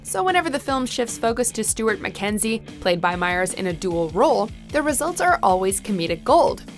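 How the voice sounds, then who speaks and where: A woman's voice: mid-range voice, big pitch swings, moderate pace, faint music behind. A woman reading scripted narration for a countdown video as its narrator.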